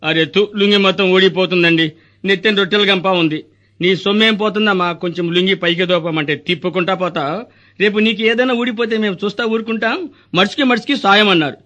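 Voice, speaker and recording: An actor playing a scheming, greedy hospital doctor in a stage comedy, firing off rustic wisecracks. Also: male voice, high voice, fairly even intonation, a bit bright, dull audio. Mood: mocking. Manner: rapid wisecracking, rustic dialect.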